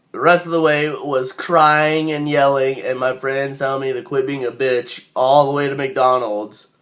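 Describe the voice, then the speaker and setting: A man's voice: medium pitch, fairly bright tone. A young man telling a rambling, crude personal anecdote and laughing often as he goes. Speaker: storyteller.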